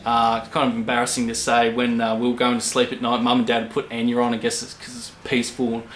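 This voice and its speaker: A man in his twenties with an Australian accent, chatting casually to camera as a channel host, rambling with many pauses. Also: medium pitch, monotone, fairly bright tone, a little hiss or hum. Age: 20s. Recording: echoey room.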